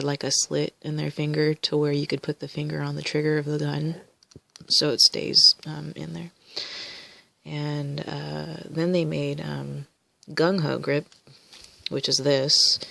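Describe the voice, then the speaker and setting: A woman's voice: sits low, gravelly, bright, forceful tone, no room sound. A woman collector casually showing her toys on video, rambling with many ums and restarts. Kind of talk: casual show-and-tell video.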